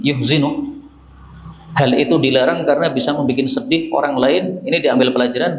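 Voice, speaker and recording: A male Islamic teacher giving a sermon-style religious lesson, explaining Arabic phrases word by word and addressing listeners as sir. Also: medium pitch. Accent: Javanese Indonesian. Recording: echoey hall.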